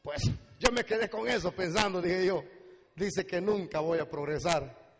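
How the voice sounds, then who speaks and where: A man preaching a sermon in a church, moving from quiet storytelling to fervent shouted exhortation. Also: high-pitched, moderate pace. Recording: long church hall reverb.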